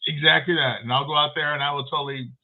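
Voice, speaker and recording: A man's voice: fairly high pitch, fairly even intonation, quick pace, phone-quality sound. A man hosting an interview podcast, joking and chatting casually with his guest. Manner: playful, jokey. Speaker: podcast host.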